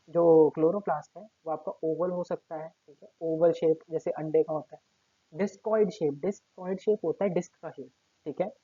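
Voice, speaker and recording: A man's voice: on the high side, dark tone, husky, dry recording. A male teacher giving a recorded class lecture while seated at his table, explaining step by step and checking in with his students after almost every point. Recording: tinny phone-like lo-fi audio.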